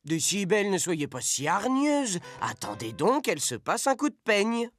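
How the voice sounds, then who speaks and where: A man playing an excitable male puppet presenter in a children's educational show, talking in a dramatic, exclamatory way. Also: sits high, unhurried. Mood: teasing. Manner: exclamatory, sing-song, dramatic.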